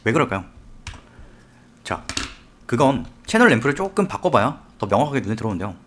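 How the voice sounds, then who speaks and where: Male instructor, screen-recorded tutorial, step-by-step explanations, questions to the viewer, animated intonation. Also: mid-range voice, a little fast, slight background noise. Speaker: software instructor.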